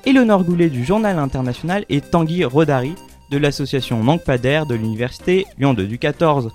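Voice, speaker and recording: A man's voice: fairly high pitch, lively intonation, a little fast, a little mellow, faint music behind. A man hosting a French student radio show, introducing guests in a friendly, loose way from the studio. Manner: friendly, introduces guests with small stumbles and laughs.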